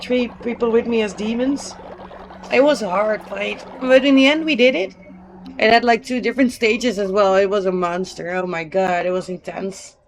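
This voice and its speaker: A woman's voice: medium pitch, slight background noise. A woman streamer chatting casually and thinking aloud while she plays a game, with the odd swear word. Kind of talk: casual live gameplay commentary.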